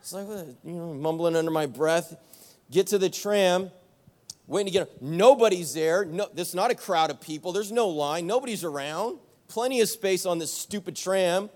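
A young adult male pastor preaching a sermon, telling a story with animated back-and-forth and poking fun at himself. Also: high-pitched, moderate pace, in a large hall. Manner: animated storytelling, acts out both sides of an argument, self-mocking. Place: church sanctuary.

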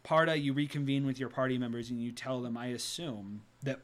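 A man's voice: mid-range voice, fairly even intonation, fairly quick. A man narrating a tabletop game as game master, improvising in a theatrical way.

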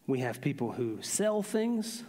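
A man preaching a sermon, telling stories with an animated, drawn-out emphasis. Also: medium pitch. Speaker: pastor. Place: large church hall. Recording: long reverb of a large hall.

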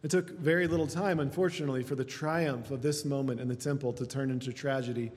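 A man's voice: medium pitch, fairly even intonation, fast, darkish tone, long reverb tail. A male pastor preaching a sermon, building through lists with rising emphasis. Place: church.

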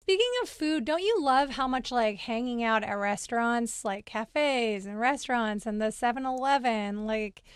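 A woman in her thirties co-hosting a podcast, telling stories in an animated way and laughing often. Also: a little high, normal speed, few pauses, clean tone, no echo. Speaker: podcast co-host. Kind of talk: casual chat.

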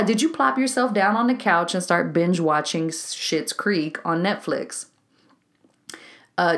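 Low-voiced chatty woman coach. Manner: chatty and candid, laughs at herself. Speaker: life coach and podcast host. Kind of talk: casual solo podcast talk.

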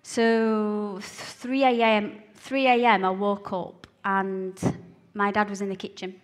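A woman with a broad Scottish accent from Glasgow gives a personal testimony. Her voice sits at a medium pitch. She speaks earnestly and haltingly, often repeating a phrase to drive it home. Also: level tone. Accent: broad Glaswegian Scottish. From Glasgow, Scotland. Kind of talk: personal testimony told to listeners.

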